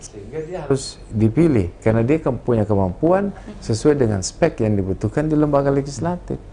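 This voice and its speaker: A man's voice: mid-range voice, animated, fairly quick, warm tone, slight background noise. A man with a South Sulawesi Indonesian accent, a party campaign official on a talk show, speaking earnestly and listing his points one by one. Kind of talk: political talk show discussion.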